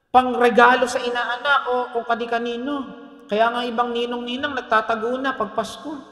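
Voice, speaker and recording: A man with a Filipino accent preaching a sermon as pastor, animated and joking, often asking the congregation questions. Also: very high voice. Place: church hall. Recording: echoey hall reverb.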